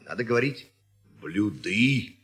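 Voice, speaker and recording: A man's voice: on the low side, big pitch swings, a little fast, husky, faint music behind. An actor playing a sly adult pupil who teases his teacher in a scripted radio comedy. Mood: teasing.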